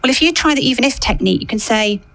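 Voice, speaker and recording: A woman's voice: a little high, expressive, racing, fairly bright tone, rough recording. A woman speaking as a guest expert, explaining conversationally with some hesitation and repeated phrases for emphasis.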